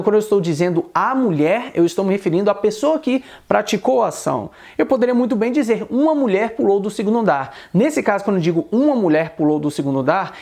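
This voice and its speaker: A Brazilian man explains English grammar in a recorded video lesson. He goes over each point patiently and more than once, and he slows right down to say the English example words with care. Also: high voice, a little mellow. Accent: Brazilian Portuguese. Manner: patient, repetitive, says English example words slowly and carefully. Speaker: English teacher.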